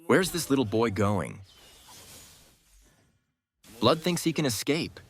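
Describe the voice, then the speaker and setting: A gaming guide creator delivers scripted, instructive commentary with a cocky, playful streak. His mid-range voice is very animated, though he speaks at a slow pace.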